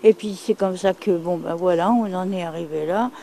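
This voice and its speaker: A woman's voice: fairly low pitch, normal speed, warm tone, a little hiss or hum, rough recording. A middle-aged woman from France speaking frankly and bluntly about her past, repeating herself for emphasis. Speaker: interviewee. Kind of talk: candid testimony.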